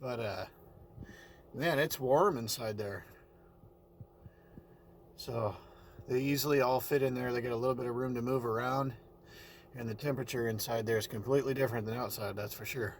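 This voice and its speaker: A man's voice: medium pitch, fairly even intonation, normal speed, long pauses, a little hiss or hum. A man filming a casual vlog from his snowy sheep ranch, talking in an easygoing way, his voice muffled by a face mask. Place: outdoors on a snowy ranch and in a car.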